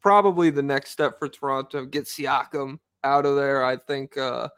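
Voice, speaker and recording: A man's voice: medium pitch, fairly even intonation, moderate pace, fairly bright tone, clean tone, dry recording. A man co-hosting a podcast, chatting loosely about basketball with lots of fillers and the odd swear word. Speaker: podcast co-host. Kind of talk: casual basketball chat.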